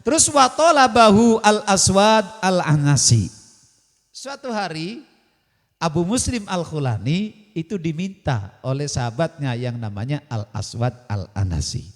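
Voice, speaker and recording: A man's voice: a little high, very animated, measured pace. A man preaching at a religious study session, telling a story and putting questions to his listeners, then answering them himself. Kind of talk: Islamic study sermon on radio. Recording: radio broadcast with long hall reverb.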